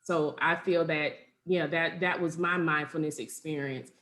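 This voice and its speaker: A woman's voice: sits low, steady tone, unhurried, a bit bright. A woman sharing a frank personal story on an online panel. She talks openly and plainly, voices the people in her story and laughs as she goes. She is heard over a video call. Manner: candid storytelling, acts out quotes, laughs often. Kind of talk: personal testimony on a webinar panel.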